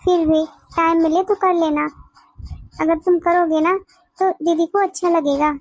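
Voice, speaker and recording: A woman's voice: very high voice, fairly even intonation, measured pace, a little mellow, no room sound. A woman voice-acting an earnest, pleading young wife in a family cartoon. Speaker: cartoon voice artist.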